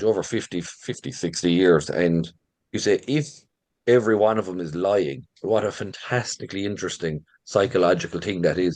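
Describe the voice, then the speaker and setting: Irish man, middle-aged, deep voice, lilting informal storyteller delivery, very dry sound. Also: a little mellow, no echo. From rural Ireland. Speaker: visitor centre manager and local folklore storyteller.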